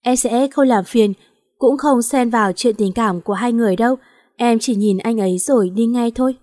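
A woman's voice: fairly high pitch, normal speed, warm tone, natural voice. A woman voicing a heartbroken young wife who is grieving and pleading through tears. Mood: longing. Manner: tearful, pleading. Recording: long hall reverb.

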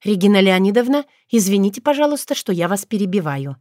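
Careful polite young doc, narrator lady voicing her, a bit unsure, soft and close. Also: medium pitch, sing-song, fast talker, no echo, lightly acted. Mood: hesitant. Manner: polite and hesitant. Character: cautious young woman doctor, honest and polite. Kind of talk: audiobook character voice.

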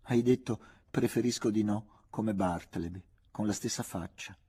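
A man voicing a witty, ironic young woman, lively and affectionately bossy in her teasing. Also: lowish voice, measured pace, slightly rough.

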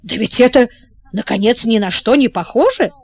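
A woman's voice: lively intonation, a little slow, dry recording, muffled recording. A woman voicing a furious, indignant young prince who sputters with rage in an audiobook. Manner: shrill, raging, sputtering. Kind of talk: audiobook character reading.

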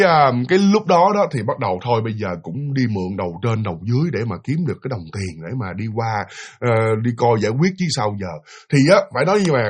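A man telling a ghost story in an animated, chatty way, addressing his listeners directly. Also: mid-range voice, slightly rough. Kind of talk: spoken ghost story narration.

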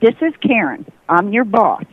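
A woman's voice: medium pitch, sing-song, moderate pace, breathy edge. A woman posing as someone's boss on a prank phone call, heard over the phone and repeating the same insistent lines. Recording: muffled phone line.

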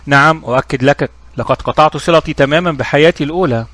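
A man's voice: on the high side, quick pace, a bit bright, no room sound, natural voice. A man voicing an earnest male former car thief who reassures in a story reading.

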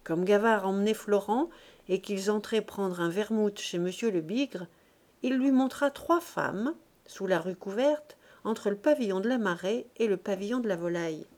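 A woman reading a classic novel aloud as an audiobook, at a medium pitch. Her narration is measured and expressive. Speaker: audiobook reader.

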